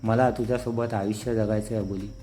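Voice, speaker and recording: A man voicing a gentle, teasing young suitor in a soft, quiet, even manner. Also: on the low side, fairly quick, lightly acted. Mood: tender.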